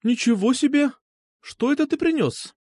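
A man's voice: very high-pitched, moderate pace, no room sound, clean studio sound, voice pushed up. Man voicing a playful teasing young woman. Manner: teasing, lively. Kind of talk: audiobook character voice.

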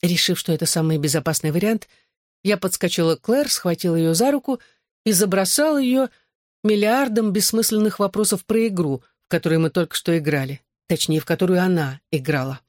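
A woman reading a first-person novel aloud as an audiobook narrator, in a measured, expressive manner. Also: fairly low pitch, no room sound, studio quality.

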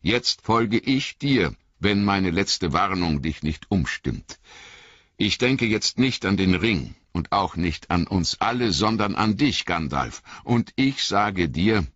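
A man voicing a grave, earnest male ranger who speaks in a measured, solemn way. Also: low-pitched, animated, fairly bright tone, no room sound, lo-fi sound, full character voice.

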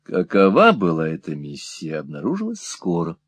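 A man narrating a classic novel as an audiobook, in an expressive storytelling manner. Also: low voice, moderate pace, slightly rough, no room sound, clean studio sound.

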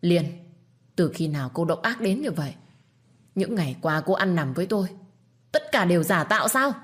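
A woman's voice: deep voice, normal speed, darkish tone, slightly rough. A woman voicing a young husband, the master of the house, firm and scolding.

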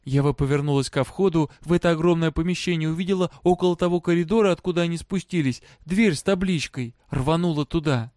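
A man narrating a story aloud in a steady, even reading manner. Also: on the high side, fast, hardly any pauses, no room sound, clean studio sound. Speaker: audiobook narrator.

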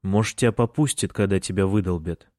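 A man doing a cold, quietly menacing guy. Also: low-pitched, a little fast, no echo, studio quality, close to an everyday voice.

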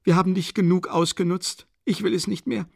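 A breathless, consumptive mother in a spoken audiobook scolds and pleads in a high, shrill rush, as a man reads her part. Her voice carries a gravelly rasp beneath the strain. The recording is close and dry. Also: fairly even intonation, brisk, no echo. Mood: frantic, pleading. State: out of breath and coughing. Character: frantic impoverished widowed mother, consumptive woman. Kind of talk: audiobook character voice.

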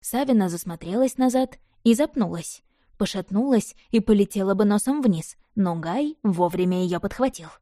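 A woman reading a novel aloud in the first person, expressive and lively. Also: medium pitch, moderate pace, dry recording, clean studio sound. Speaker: narrator. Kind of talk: audiobook narration.

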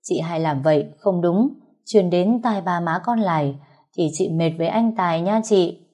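A firm, level voice of a fair-minded older aunt, as a woman voices her in a told story. She reasons and reproaches, fairly loud but mellow. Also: on the low side, normal speed, natural voice. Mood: reproachful.

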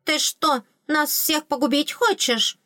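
A woman voicing an imperious fairy queen who barks sharp, indignant commands. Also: sits high, animated, takes it slowly, dry recording, studio quality, voice pushed up, heavily acted. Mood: alarmed.

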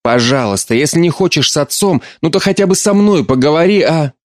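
A frustrated young woman, as a male narrator voices her, pitched up above his own voice and urging hard. Her lines come in a dry, close storybook reading. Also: animated, fairly quick, dry recording, lightly acted. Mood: insistent. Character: young adult daughter, frustrated and insistent.

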